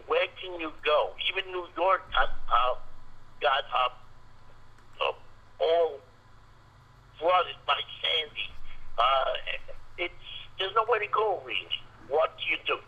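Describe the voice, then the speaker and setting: A man calling in to a talk show over a phone line that keeps breaking up, speaking haltingly and repeating his words. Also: fairly high pitch, animated, sharp tone, slightly rough. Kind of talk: casual phone call. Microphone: telephone.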